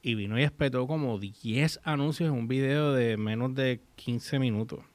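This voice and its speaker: A man's voice: medium pitch, moderate pace, darkish tone, no room sound. A man hosting a casual chat, mixing in English words and reading English text aloud. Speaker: host.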